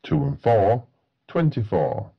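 A man calls bingo numbers in a formulaic, matter-of-fact way. His voice is husky and swings noticeably in pitch as he goes at a slow pace. The sound is a little dull and lo-fi. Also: big pitch swings. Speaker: bingo caller. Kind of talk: bingo calling, each number announced in a set phrase.

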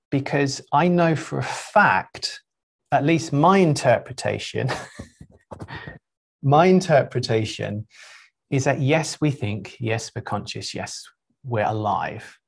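A middle-aged man with an ordinary, mid-range voice gives a reflective talk to a group as a spiritual teacher. He moves unhurriedly, leaving pauses and frequent 'um's between his thoughts. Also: mid-range voice, gravelly.

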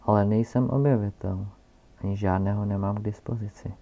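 A man reading aloud and voicing a pompous old male geographer who lectures loudly and self-importantly, captured on a dull, lo-fi recording. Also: fairly low pitch, fairly even intonation, close to an everyday voice.

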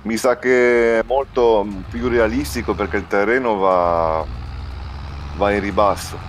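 Male gamer, lowish voice, casual halting chat, repeats words, engine noise behind. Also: steady tone. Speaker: co-player on a gaming stream. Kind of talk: casual chat during gameplay.

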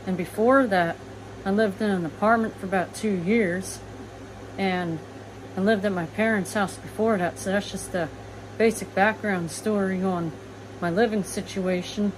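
A woman in her late twenties, an eastern US vlogger, plainly lists things as she walks through her small manufactured home on a casual tour. Her mid-range voice has fairly even intonation and a moderate pace over background noise, captured on a phone camera that goes from front-facing to walking.

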